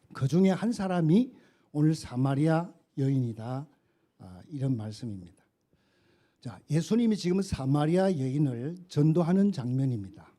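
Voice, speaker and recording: A man's voice: medium pitch, mellow. A male pastor preaching a sermon in a church, retelling scripture as a story with acted dialogue.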